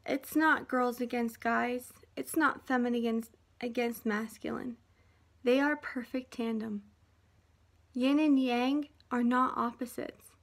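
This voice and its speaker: High-voiced woman in a rambling, heartfelt monologue. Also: steady tone, measured pace. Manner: rambling and emotional, sometimes dropping to a soft hush. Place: half-unpacked house.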